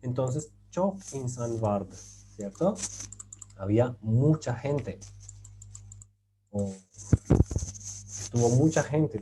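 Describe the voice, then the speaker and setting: Male language teacher, warm mellow voice, patient, filler-heavy explanations, faint hiss behind. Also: on the low side, rough recording. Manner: patient, rhetorical questions, many fillers. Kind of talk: explaining grammar at a whiteboard. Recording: faint background noise.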